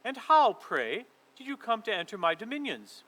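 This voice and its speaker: A man reading a storybook aloud and voicing a cold, imperious queen with loud, scornful outbursts. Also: sits high, very animated, normal speed, pitched above the performer's own voice, full character voice, poor audio. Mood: haughty.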